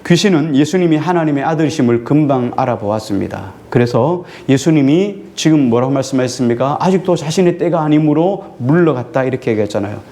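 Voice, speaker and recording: A male pastor preaching a sermon to his congregation, putting questions to them and answering them himself, and drawing out key words slowly for emphasis. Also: mid-range voice, lively intonation, mellow. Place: church sanctuary.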